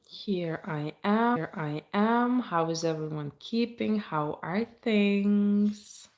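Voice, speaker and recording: A woman's voice: medium pitch, takes it slowly, darkish tone, muffled recording. A woman from the states, chatting casually on a phone live stream, reading viewer comments aloud and answering them. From Baltic states.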